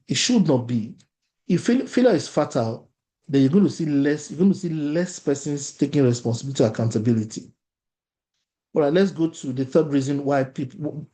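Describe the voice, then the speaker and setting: Leading an interactive online workshop, this male facilitator speaks with a Nigerian accent and is a native Yoruba speaker. His voice is mid-range with a dark tone. He tends to repeat phrases and frequently asks the audience questions.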